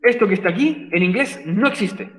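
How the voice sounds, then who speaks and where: A man's voice: high-pitched, lively intonation, a little fast, a bit bright. Patient male teacher, roomy echo. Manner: patient, repeats points, checks understanding with frequent "ok?". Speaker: English teacher. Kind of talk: virtual class explanation in Spanish.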